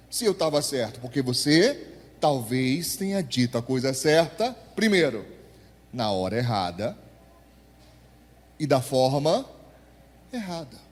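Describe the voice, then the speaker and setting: A man preaching as pastor. He draws out key words for emphasis and calls on the congregation to answer him. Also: high voice. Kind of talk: sermon. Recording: long church hall reverb.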